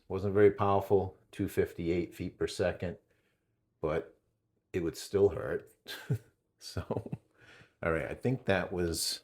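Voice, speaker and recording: A man's voice: sits low, heavy background noise. A man with a New England accent, casually narrating a hands-on gear test, calling out readings with chatty, rambling asides. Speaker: channel host testing gear.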